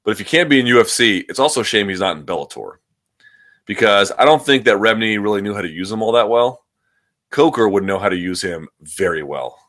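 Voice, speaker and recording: A man with a low-pitched voice talks like the host of a combat sports show. His commentary is casual and opinionated, and he tends to repeat words and restart phrases as he makes his point. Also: lively intonation, a little fast, fairly bright tone.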